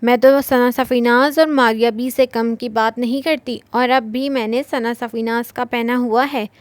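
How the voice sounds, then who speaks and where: A woman's voice: a little high, fairly even intonation, unhurried, dry recording, natural voice. A mocking elder sister, read by a woman. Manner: mocking, mimicking.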